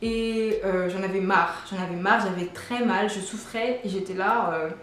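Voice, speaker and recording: A woman's voice: medium pitch, fairly even intonation, moderate pace, a bit bright. A woman in her twenties telling a personal story casually, full of fillers and restarts. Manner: chatty, many fillers and restarts. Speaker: vlogger. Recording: very echoey room with faint noise.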